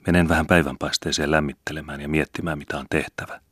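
A guilt-ridden, panicky middle-aged farmer, as a male reader puts him on frets in a very deep voice. The anxious, hurried pleading comes through a close, dry recording with no room sound. It is an audiobook reading. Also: level tone, fairly bright tone, slightly rough, no room sound, full character voice. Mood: panicked.

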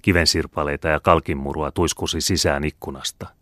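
A man reading a classic novel aloud as an audiobook narrator, in a measured way, lightly voicing the characters' lines. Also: a bass voice, fairly even intonation, fairly bright tone, no room sound, studio quality. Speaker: audiobook reader.

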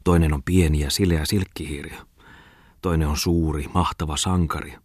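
Guy doing a whiny shrill middle-aged dude, ranting, dry close recording. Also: steady tone, darkish tone, breathy edge, no echo. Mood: muttering mockery. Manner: whining, high-pitched outbursts.

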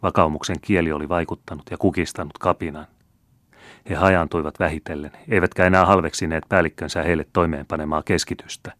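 Deep-voiced male audiobook narrator. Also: steady tone, a bit bright, no echo. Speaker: audiobook reader. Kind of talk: scripted narration of a classic novel.

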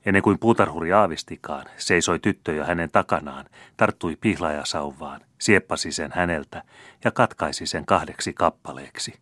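A man narrating a classic novel as an audiobook in a measured, literary reading. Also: sits low, fairly bright tone, breathy edge, dry recording, studio quality.

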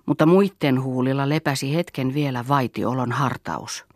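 A man narrating a novel as an audiobook in measured literary tones. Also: mid-range voice, dry recording, studio quality.

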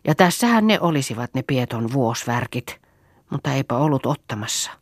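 A woman's voice: rumbling low, sing-song, no echo, heavily acted. Motherly farm mistress, homely and a bit bossy, dry close audiobook voice, woman reading it. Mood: kindly. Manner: homely, gently bossy, proverb-saying.

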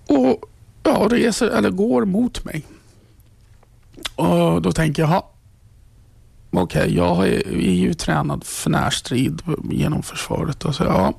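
A middle-aged man from Sweden tells his story in an interview, his voice deeply gravelly and husky. He speaks haltingly, restarting phrases and sinking into whispers. The sound is close and dry, with a fairly high pitch for a man. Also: darkish tone, no echo. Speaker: interviewee, trained ambulance driver. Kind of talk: personal testimony in an interview.

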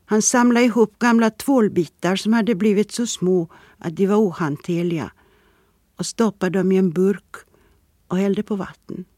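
A reader giving calm, measured scripted narration of a literary story. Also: medium pitch, dry recording, clean studio sound. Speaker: audiobook reader.

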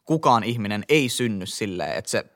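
A young man with a Helsinki accent, co-hosting a casual podcast chat, telling slangy stories animatedly with lots of fillers. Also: on the low side. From Finland. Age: young adult. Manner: slangy, animated storytelling with laughs and many fillers. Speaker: podcast co-host.

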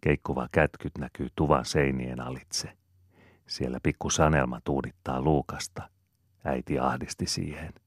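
A man narrates a novel in an extremely deep, low voice. His delivery is even and measured, steady storytelling. The sound is close and completely dry. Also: no room sound. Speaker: audiobook reader. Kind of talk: scripted narration.

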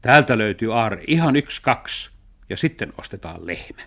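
A man's voice: lowish voice, very animated, a bit bright, full character voice. A man voicing a level-headed young boy in a children's radio story, speaking in a decisive, sensible way. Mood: explaining.

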